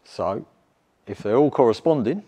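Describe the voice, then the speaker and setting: A middle-aged British mechanic banters in an indoor workshop, his low voice swinging widely up and down as he jokes. He teases his workmate and explains parts in a loose, chatty way. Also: normal speed, husky, highs cut off. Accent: British English. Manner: joking, teasing, very lively intonation. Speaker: restoration mechanic. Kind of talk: casual banter while working. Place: large indoor garage workshop.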